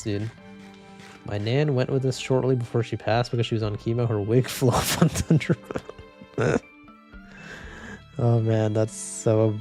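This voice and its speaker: During a laid-back gaming livestream, a young man reads out chat and talks to viewers in a flat, low-energy way. His voice is slightly congested, and he describes it as boring. Faint game music and keyboard typing play in the background.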